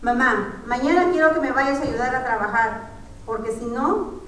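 A woman's voice: high voice, normal speed, a little hiss or hum. A woman voicing an angry, resentful young adult son who scolds his mother, in an echoey room far from the mic. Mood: angry, scolding. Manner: shouting insults and complaints.

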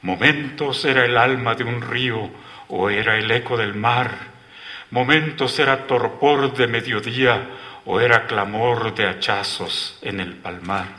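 A man narrating a literary story in a slow, measured reading. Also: mid-range voice, sharp tone.

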